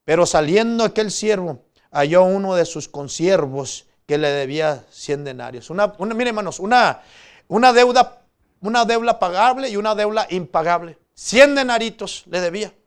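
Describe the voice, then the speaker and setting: A man preaching a sermon, swinging from loud pleading to low quiet asides and calling the congregation "brothers". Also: lively intonation, moderate pace, clean tone. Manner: addresses the congregation as "hermanos" often; acts out quoted pleas in a raised voice.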